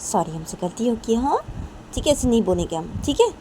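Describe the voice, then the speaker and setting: A woman voicing an apologetic middle-aged father who keeps reassuring softly, with traffic noise behind. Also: a little high, very animated, fairly quick, voice pushed up. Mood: soothing. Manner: repeated soothing "theek hai".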